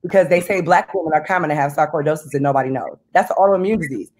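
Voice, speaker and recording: Animated husky woman on a video call. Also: low-pitched, racing. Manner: animated, emphatic, preachy about money. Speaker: guest, business owner. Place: home room indoors. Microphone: video call webcam.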